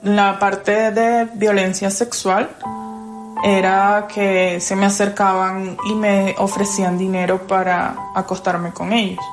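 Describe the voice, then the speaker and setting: A woman from Venezuela with a Venezuelan accent, giving personal testimony in an interview in a firm, measured and deliberate way. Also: medium pitch, flat delivery. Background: background music.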